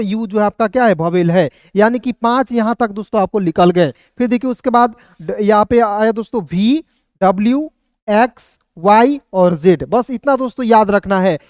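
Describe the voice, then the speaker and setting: Smooth-voiced male teacher quizzing himself. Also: high voice, dry recording, clean studio sound. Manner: calls listeners friends constantly, asks and answers own questions; repeats phrases, checks understanding often. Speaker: English teacher. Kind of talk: casual spoken lesson.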